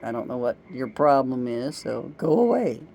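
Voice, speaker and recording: A woman's voice: extremely low pitch, big pitch swings, moderate pace, vocal fry, warm tone, heavily acted. A woman voicing her picky-eater husband, blunt and cursing as he brushes someone off. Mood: irritated. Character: gruff picky-eater husband, grown man, impatient.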